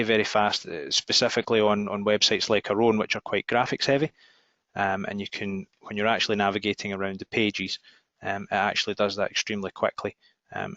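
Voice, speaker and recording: A man with a Glaswegian Scottish accent giving an informal software demo, speaking in a halting way with frequent ums. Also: lowish voice. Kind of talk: informal screen demo narration. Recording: dull, roomy lo-fi recording.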